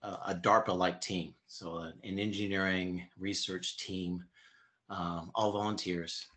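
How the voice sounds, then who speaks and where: Guest, man in his fifties, very deep voice, halting explainer. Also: level tone, a bit bright. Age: 50s. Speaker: interview guest. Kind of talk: conversational interview answers.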